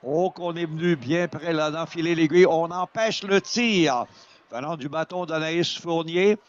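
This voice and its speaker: Man, Quebec French accent, fairly high voice, excited sports commentary, exclamatory play-by-play, muffled broadcast sound. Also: measured pace. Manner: exclaims over plays, voice surging at shots and goals.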